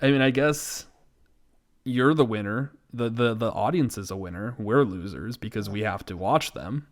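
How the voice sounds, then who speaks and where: On a podcast, this co-host jokes loosely about films, running himself down and acting exasperated for laughs. He has a lowish voice and a moderate pace.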